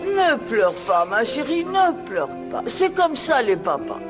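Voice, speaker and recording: A doting older mother with a soft, indulgent manner. Her pitch swings widely as she coos. Music plays underneath. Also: big pitch swings, unhurried. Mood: tender. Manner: tender, coddling, then stern with her son. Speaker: grandmother figure in a dubbed series.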